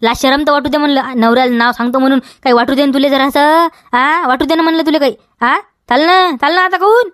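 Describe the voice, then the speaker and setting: A woman's voice: sits high, fast, a bit bright, dry recording, studio quality. A woman with a Vidarbha Marathi accent playing a scolding village farmer who nags and keeps tagging questions onto every line, in a comedy sketch. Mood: insistent. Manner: nagging, repeats demands, keeps tagging "हा?". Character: scolding village farmer man guarding his field.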